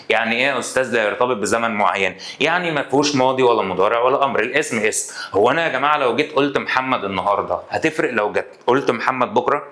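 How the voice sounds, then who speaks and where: Fast, bright-voiced Egyptian Arabic teacher. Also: male voice, medium pitch, roomy sound. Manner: animated, quizzes students with playful asides. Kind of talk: energetic grammar lesson.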